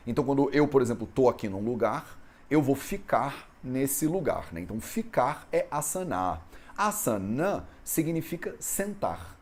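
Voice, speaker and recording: A man from Brazil teaching an Ayurveda lesson in a conversational way, often ending phrases with a questioning tag. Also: mid-range voice. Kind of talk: explanatory lesson on Sanskrit texts.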